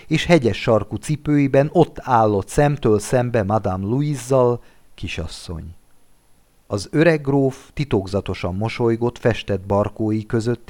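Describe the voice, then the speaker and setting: A man reading a classic story aloud as an audiobook narrator, with an expressive delivery. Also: lowish voice. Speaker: audiobook reader. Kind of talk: literary narration.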